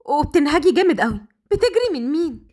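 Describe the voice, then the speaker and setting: A woman voicing a protective older sister who scolds briskly. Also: high voice, very animated, darkish tone. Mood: scolding.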